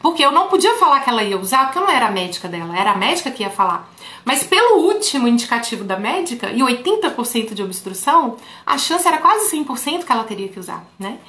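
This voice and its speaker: A woman therapist with a slightly high voice coaches her colleagues in a relaxed, talky way, often turning to her viewers directly. The room around her is roomy and echoey. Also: quick pace. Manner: talks straight to viewers, often saying "folks". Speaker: therapist teaching other therapists. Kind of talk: casual teaching through a patient story. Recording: roomy echo.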